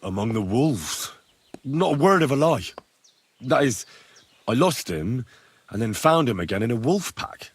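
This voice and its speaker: A man's voice: mid-range voice, big pitch swings, unhurried, long pauses, slightly rough, no echo. An actor playing a terse, plain-spoken young man in video game dialogue. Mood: matter-of-fact.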